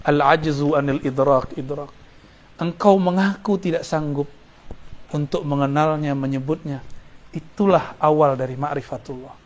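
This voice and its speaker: Man, preacher, Sufi study circle, fairly high voice, explains Arabic terms, jokes with listeners. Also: steady tone, normal speed, highs cut off. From Indonesia. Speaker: Islamic preacher.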